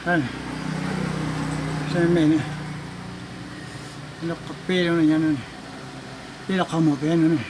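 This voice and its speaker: A man's voice: fairly high pitch, level tone, moderate pace, long pauses, noisy background. A man working as a car mechanic, casually explaining a repair step by step and pointing things out as he goes. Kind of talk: casual hands-on repair demonstration. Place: garage or workshop.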